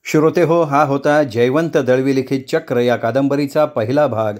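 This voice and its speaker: Man reading a novel aloud, measured. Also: mid-range voice, steady tone, darkish tone. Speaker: storyteller. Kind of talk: audiobook novel narration.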